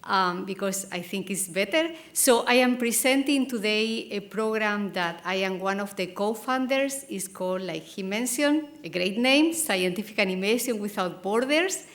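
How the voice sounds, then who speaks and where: A woman from Spain speaks with a clear Spanish accent, presenting at a conference. She talks slowly and carefully, pausing often with soft ums. Her voice sits at a middle pitch. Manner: deliberately slow, careful delivery with frequent ums. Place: lecture hall.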